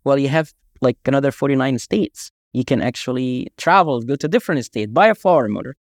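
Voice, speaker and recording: A man from Egypt, a guest author telling emphatic, animated anecdotes in a casual interview. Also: mid-range voice, fairly quick, no echo, clean studio sound. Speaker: guest, author and army veteran.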